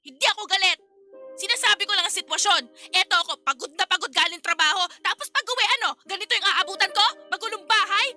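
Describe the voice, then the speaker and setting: A woman's voice: very high voice, quick pace, sharp tone, soft background music, full character voice. A woman playing a tired working wife in a radio drama, scolding in a stream of exasperated complaints. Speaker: lead character in a radio drama.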